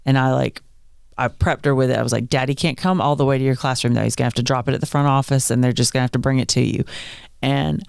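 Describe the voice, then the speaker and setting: A woman's voice: a bass voice, fast talker, vocal fry, clean tone, dry recording, clean studio sound. A woman in her forties co-hosting a parenting podcast in casual chat, telling stories with frequent laughs. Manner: lively, laughing storyteller. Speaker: podcast co-host.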